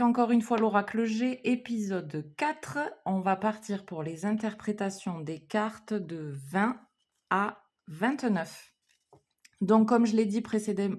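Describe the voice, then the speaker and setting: A woman's voice: medium pitch, darkish tone. A woman, chatting casually as she reads oracle cards on her channel, with many fillers and self-corrections. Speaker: card reader, channel host. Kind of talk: casual card-reading vlog.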